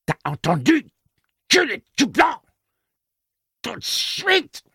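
A man voicing a furious, scornful woman in an audiobook, taunting and threatening in a shrill voice. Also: huge pitch swings, slow pace, creaky, bright, forceful tone, husky, no room sound, studio quality, heavily acted. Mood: shrill anger.

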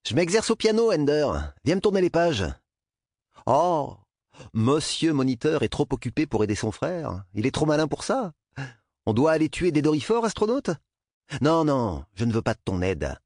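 A man's voice: fairly low pitch, normal speed, a little mellow, dry recording, clean studio sound, close to an everyday voice. A man voicing a cruel older boy who mocks his little brother in a sing-song taunt. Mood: mocking.

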